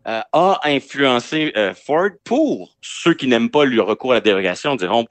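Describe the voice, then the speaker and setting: A man's voice: medium pitch, big pitch swings, moderate pace, dry recording. A man with a Quebec French accent giving conversational legal analysis on the radio, explaining point by point. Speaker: legal commentator, regular columnist.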